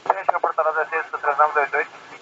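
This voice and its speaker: A man's voice: a little high, little pitch movement, fast talker. A man speaking as an airline pilot over an aviation radio, giving clipped, formulaic readbacks. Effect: aviation radio transmission. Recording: muffled radio with static.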